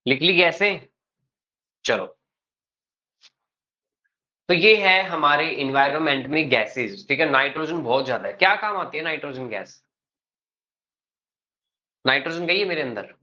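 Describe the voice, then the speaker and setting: Slow and steady, a man lectures his class in a bright, forward voice that leans high, stopping regularly to see whether students are following. The classroom audio is lo-fi and muffled.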